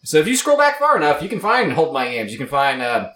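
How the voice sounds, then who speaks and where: Fast, animated joking man. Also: on the high side, echoey room. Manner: joking, teasing, profane. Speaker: podcast host. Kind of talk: casual chat.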